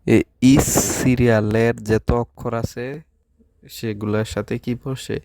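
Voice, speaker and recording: A man teaching a language class, slowly drilling syllables one at a time and asking the students questions. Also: mid-range voice, steady tone, creaky, darkish tone, dry recording. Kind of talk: Japanese lesson with drilled syllables.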